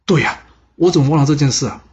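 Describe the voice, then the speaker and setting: A man's voice: medium pitch, fairly quick, highs cut off, lightly acted. A man doing a timid worried father. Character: timid middle-aged father, anxious official.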